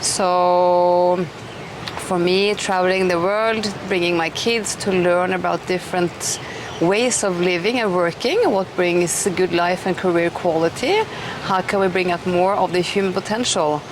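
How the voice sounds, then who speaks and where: In a noisy outdoor recording from an eco village, a middle-aged Norwegian woman hosts a laid-back interview. Her low voice stays steady and unhurried, though she's chatty and keen, restarting often.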